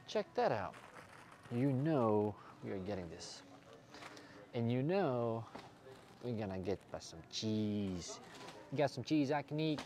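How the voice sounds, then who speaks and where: A man's voice: mid-range voice, a little mellow. Playful man vlogging in a noisy store. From Bosnia. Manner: playful, jokey, talks to camera. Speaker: fitness vlogger. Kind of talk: casual vlog chat. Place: supermarket aisles. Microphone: handheld camera, filmed by cameraman. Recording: noisy store with background ambience. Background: shop ambience.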